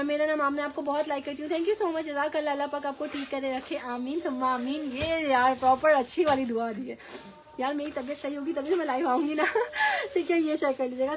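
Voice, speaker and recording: A woman with a Pakistani Urdu accent and a sore, hoarse throat, chatting enthusiastically as she sells clothes on a live stream and keeps repeating the prices. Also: high voice, slight background noise. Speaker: online clothing seller. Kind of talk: live-stream sales pitch.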